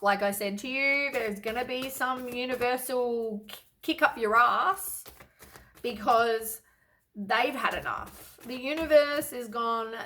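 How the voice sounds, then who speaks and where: Woman, tarot reader, higher voice, blunt, exasperated, sighing, casual swearing. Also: sharp tone, a little hiss or hum. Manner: lots of sighs and fillers. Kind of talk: casual tarot reading to camera.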